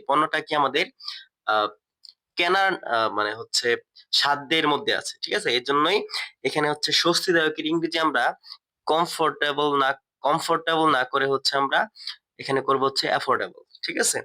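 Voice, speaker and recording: A man's voice: medium pitch, pushed and bright. A man teaching a step-by-step lesson, asking and answering his own questions and often repeating key words. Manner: many fillers and restarts, repeats key words. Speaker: English teacher.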